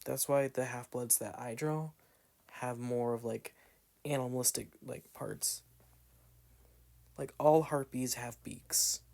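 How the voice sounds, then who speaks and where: Playing a video game, a young man with a Southern American accent from the Southern United States offers rambling, casual commentary. His voice sits at medium pitch with fairly even intonation, moving slowly with frequent pauses, vocal fry, and a slightly mellow quality. He meanders, using lots of "like" fillers and trailing asides.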